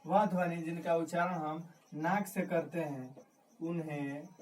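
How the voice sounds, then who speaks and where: A man teaching a classroom grammar lesson at a slow, deliberate pace, his voice a little higher than most men's. He repeats each point and answers his own questions. The mic sits some way off, with a faint hiss behind him. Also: steady tone, a little mellow. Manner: repetitive, asks questions and answers them himself. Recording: distant mic with faint background noise.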